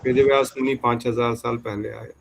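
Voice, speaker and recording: Guy teaching scripture, calm explainer, bit of hiss behind. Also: medium pitch, fairly quick, creaky, rough recording. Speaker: spiritual teacher. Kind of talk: casual scripture discussion. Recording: faint background noise.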